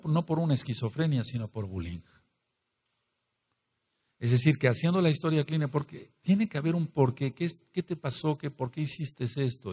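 A man preaches a sermon with an earnest teaching manner, repeating key words to drive them home. His voice is husky and dark. The room rings with a long hall reverb. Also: mid-range voice. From Mexico. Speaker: congregation leader and teacher.

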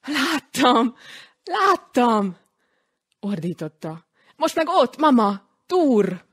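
A woman voicing a small boy who starts out frightened and ends up excited, in a high, childlike voice. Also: no room sound, studio quality.

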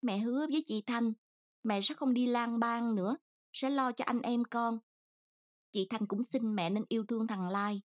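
A woman's voice: a little high, moderate pace, lightly acted. Storybook daughter, young woman, earnest and pleading, read by a female narrator.

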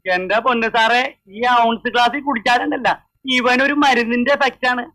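A coaxing bar server in an old film. He drawls slowly in a bright, high voice. The sound is dry and close. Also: no room sound, exaggerated voice. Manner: coaxing, drawn-out. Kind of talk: 1980s film acting.

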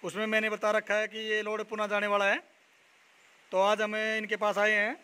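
A young man from Haryana, India, touring a buffalo shed at night and chatting as a dairy vlogger. He repeats numbers and names back and fills pauses with "a". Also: high voice, monotone, sharp tone, smooth. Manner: repeats figures and names back, many "a" fillers. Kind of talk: casual walk-around video with interview.

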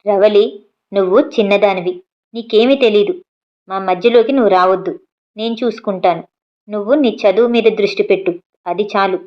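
A woman's voice: mid-range voice, normal speed, long pauses, highs cut off, natural voice. A woman voicing a curt, dismissive husband. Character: middle-aged husband, dismissive and sulky.

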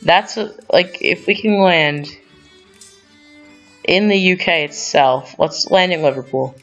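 Over faint music and dull lo-fi audio, a male gaming channel host reasons out loud about a strategy game, rambling and correcting himself along the way. His voice is on the high side and a bit bright, and he takes a slow pace.

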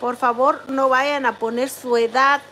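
A woman's voice: sits high, steady tone, a little slow, slight background noise. A young woman hosting a casual livestream, chattily greeting viewers and reading their comments aloud. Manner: chatty, warm greetings to each viewer, reads chat names aloud. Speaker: livestream host.

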